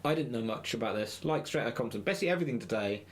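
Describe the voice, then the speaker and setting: A man's voice: mid-range voice, expressive, racing. Self-deprecating man on a film podcast. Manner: self-deprecating, hesitant, laughs at himself. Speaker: podcast guest. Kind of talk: casual film review chat.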